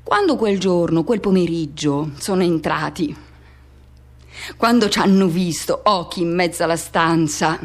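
In a fairly low, unhurried voice, an actress plays someone tormented by a lost love in a radio theatre monologue. Her intense lines come in short, broken, repeated fragments, and her tone is accusing and hurt.

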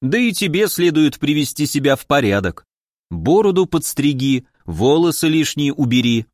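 A man's voice: fairly high pitch, very animated, normal speed, a little mellow, no room sound, studio quality. A man reading a cocky wanderer mage. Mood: teasing. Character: cocky young male wanderer mage, teasing.

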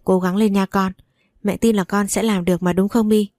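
A woman reading a story aloud, voicing a caring middle-aged mother-in-law who soothes and urges gently. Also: medium pitch, steady tone, normal speed, no room sound, studio quality, lightly acted. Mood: soothing.

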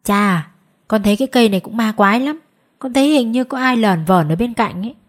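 A jumpy young woodcutter in a ghost story, quick and uneasy, voice pitched up, as a woman puts him on. He sounds husky and wary. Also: natural voice.

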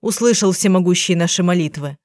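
A woman's voice: on the low side, brisk, darkish tone, no echo, clean studio sound, close to an everyday voice. A woman reading the lines of a devout, plain-spoken male neighbor who exclaims in an audiobook. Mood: earnest. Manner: slightly embarrassed, exclaiming. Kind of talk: audiobook dialogue.

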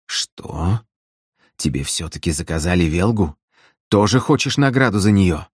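A man reading an audiobook, voicing a grim male fighter who speaks in a gruff snarl. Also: low voice, lively intonation, measured pace, no room sound, studio quality, full character voice. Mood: angry.

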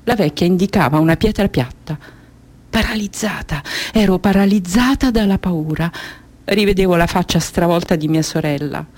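An actress playing a young girl telling her own story in a hushed first-person radio drama monologue. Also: fairly low pitch, normal speed, natural voice. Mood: somber. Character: young Somali girl recounting her ordeal.

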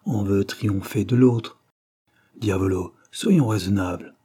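Man voicing sly old bandit, audiobook, low voice, husky, wheedling. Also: slow pace, warm tone. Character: scheming old male bandit, sly and gallant.

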